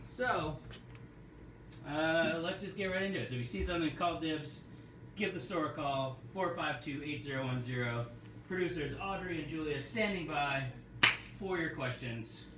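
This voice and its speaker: A man hosting a live record-store showcase, pitching albums in a loose, joking, sometimes profane patter. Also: moderate pace. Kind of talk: casual live product showcase. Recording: roomy, distant mic with faint noise.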